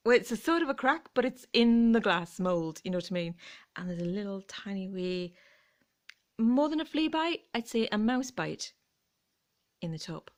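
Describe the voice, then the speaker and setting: Woman, casual vlog chat, gushing, soft whispered asides. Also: mid-range voice, animated, moderate pace. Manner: chatty, gushing, dips into whispers. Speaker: vlogger.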